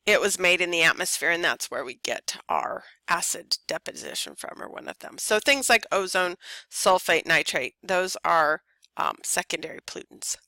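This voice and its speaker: A woman's voice: lowish voice, moderate pace, bright, forceful tone, no room sound. A woman teacher giving a casual recorded lecture over slides, tired and yawning, with lots of ums. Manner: casual, chatty, many ums.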